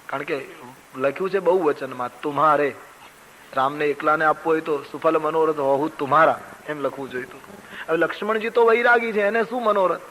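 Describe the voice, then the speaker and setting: Older man, preacher, storytelling sermon with sung verses, bright forceful tone, fairly high voice, faint background hiss. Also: a little fast, low-quality recording. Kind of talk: Ram Katha sermon.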